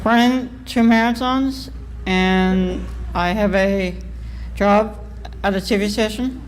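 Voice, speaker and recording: A woman in her twenties from New Hampshire speaks as a panelist. Her delivery is slow, plain and deliberate, at a mid pitch. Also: slight background noise, poor audio. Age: 20s.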